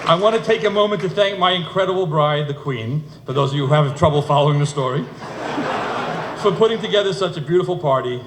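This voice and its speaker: The father of the bride, a middle-aged man with a high voice, talks fast and expressively through a humorous fairytale-themed wedding speech. It's recorded at an indoor reception venue, in an echoey room with noisy event sounds around him.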